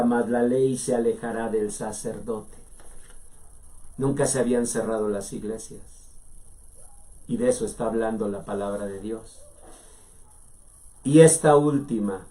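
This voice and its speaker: A man preaching a sermon, slow and deliberate, dropping to hushed low lines and rising to emphatic ones.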